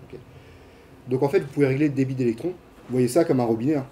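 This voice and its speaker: A man's voice: mid-range voice, fast, dark tone, a little hiss or hum. A man giving a casual classroom lecture, with many fillers, restarts and questions to his students. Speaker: university lecturer. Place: lecture hall.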